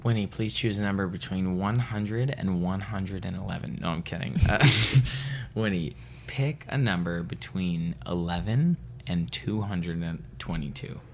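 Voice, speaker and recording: A man co-hosting a casual podcast, loud and excitable, swearing freely and reading a passage aloud. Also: low voice, unhurried, slight background noise. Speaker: podcast co-host.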